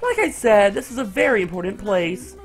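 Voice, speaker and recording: A man's voice: sits high, sing-song, a little fast, gravelly, faint music behind, voice pushed up, heavily acted. A man voicing a mischievous male robot bear who taunts the players in a video game, with a sing-song, teasing delivery.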